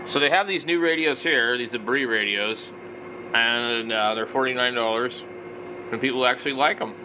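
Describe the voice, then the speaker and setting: A radio hobbyist and vlogger in his forties rambles through casual, off-the-cuff product commentary, thinking aloud. His voice is medium-pitched at a normal speed, with background noise.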